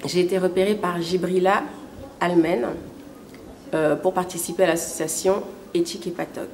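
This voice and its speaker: A woman's voice: fairly low pitch, fairly even intonation, moderate pace, darkish tone. 20-something woman from cameroon, wants to model, careful talker, faint noise behind. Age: 20s. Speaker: aspiring model. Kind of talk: interview testimony.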